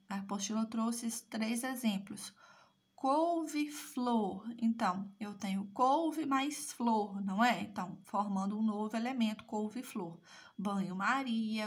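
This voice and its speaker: Husky woman teaching a language lesson. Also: medium pitch. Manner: explanatory, asks "certo?" and "né?" again and again. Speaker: Portuguese teacher. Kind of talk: recorded class lesson.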